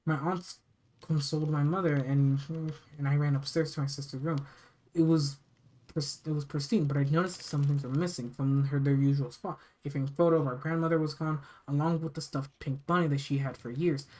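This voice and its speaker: Horror story narrator from the US, mid-pitched, halting read with repeated phrases and casual delivery. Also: fairly even intonation, darkish tone, rough recording. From United States. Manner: halting reading, often stumbling and repeating phrases. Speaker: narrator reading scary stories. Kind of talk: reading a first-person horror story aloud, with casual asides.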